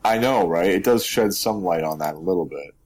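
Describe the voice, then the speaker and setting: A man's voice: deep voice, animated, a little fast, darkish tone. A man in casual chat, thinking aloud and rambling with frequent restarts as he talks through theories. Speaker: co-host of a game discussion stream.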